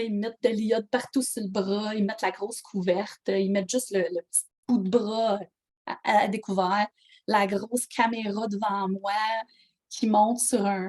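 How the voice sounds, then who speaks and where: A woman with a Québécois accent, ill with pneumonia, telling a story animatedly in casual talk and acting out the dialogue. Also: medium pitch. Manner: animated, acts out dialogue, laughs while telling. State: ill with pneumonia, prone to coughing. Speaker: coaching call participant. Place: at home.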